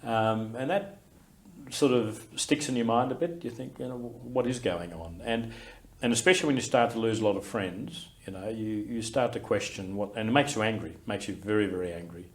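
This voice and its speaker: Low-voiced Australian veteran man in his sixties. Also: a little fast. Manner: reflective storytelling, many fillers and restarts. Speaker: war veteran interviewee. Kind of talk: oral history interview.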